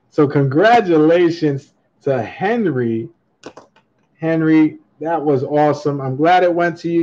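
A man hosts a coin auction livestream, chatting slowly and casually with a slightly raised pitch. His tone is mellow and upbeat, and he reads viewer comments aloud between laughs. The webcam audio sounds a little dull and lo-fi. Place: indoor room at a table with coins, voice off camera.

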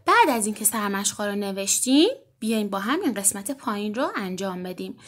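A woman teaching an alphabet lesson to children, gently and encouragingly, stretching out example words slowly and clearly. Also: medium pitch, lively intonation. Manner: slow, drawn-out, clearly enunciated example words.

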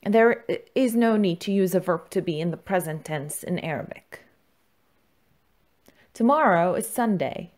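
A woman giving scripted instructional narration as a language teacher, speaking deliberately and repeating words for learners. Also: on the low side, lively intonation, darkish tone. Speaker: language teacher, lesson presenter.

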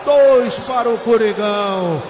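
High-pitched Brazilian man narrating football. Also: slow pace. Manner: colloquial, excitable, full of stock catchphrases. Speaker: play-by-play football commentator. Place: open stadium press stand. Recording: noisy, echoey live stadium recording. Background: stadium crowd ambience.

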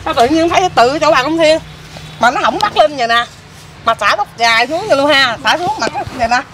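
A woman excitedly telling what she saw, in casual chat. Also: high-pitched, brisk, a little hiss or hum. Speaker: interviewee telling a ghost sighting. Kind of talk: casual storytelling.

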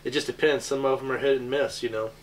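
A man's voice: mid-range voice, steady tone, fast. Enthusiastic man in a noisy cellar. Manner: enthusiastic, laughs often. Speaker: beer bar owner giving a cellar tour. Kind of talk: casual chat. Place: indoors, small basement beer cellar. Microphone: on-camera mic of a handheld camcorder. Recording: noisy camcorder audio.

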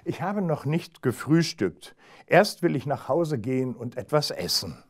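A man doing a calm, crafty storybook hedgehog. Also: on the high side, measured pace. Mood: scheming. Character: clever, stubborn male hedgehog.

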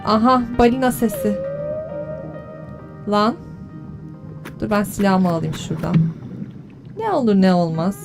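A woman hosting a gaming channel, giving let's play commentary as she swears and bickers at the creatures on screen, switching to teasing mock flattery. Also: mid-range voice, unhurried, gravelly, long pauses, over music. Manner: exasperated, cursing and bantering at the game's creatures.

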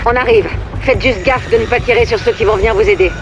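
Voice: mid-range voice, fast. A field agent calling in over a radio transmission, using formal, clipped radio protocol. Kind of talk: film voice acting. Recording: muffled radio with loud noise.

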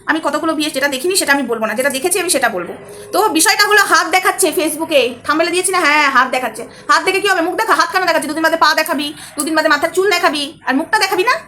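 High, bright-voiced scolding woman. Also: rapid-fire, a little hiss or hum. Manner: confrontational, scolding, rhetorical questions. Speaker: vlogger host. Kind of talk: gossip commentary vlog.

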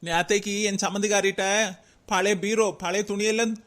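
A woman voicing a gentle young daughter-in-law in a comedy cartoon, with a Kanyakumari Tamil accent and soft, pleading calls. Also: mid-range voice, fairly even intonation, moderate pace, natural voice. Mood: earnest.

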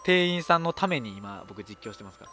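A woman's voice: very deep voice, expressive, a little fast, sharp tone. A woman with a Kansai accent giving casual horror game commentary as a streamer, full of blunt, mouthy asides. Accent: Kansai Japanese. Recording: music behind the voice.

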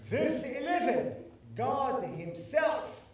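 A man preaching a sermon as guest speaker, emphatic and animated, drawing the congregation into call-and-response. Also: extremely high pitch, extremely slow. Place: church sanctuary. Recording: echoey church hall, mic at a distance.

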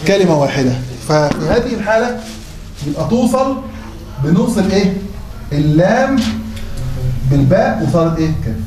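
A man's voice: high-pitched, very animated, a little fast, long pauses. A man with an Egyptian accent teaching a class, who keeps asking the students questions and then answering them himself. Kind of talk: classroom lecture. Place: classroom or mosque hall. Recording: roomy hall with faint noise.

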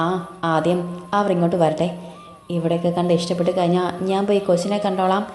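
A woman voicing an easygoing middle-aged father in an audiobook story, calm and a little commanding. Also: on the low side, fast talker, reverberant, in a large hall, a little hiss or hum, close to an everyday voice.

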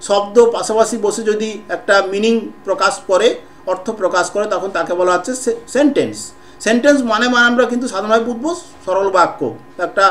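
High-voiced male teacher, patient pauses. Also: fairly bright tone. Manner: explains step by step with frequent pauses and filler sounds. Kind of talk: online class lecture. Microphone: computer microphone on a video call.

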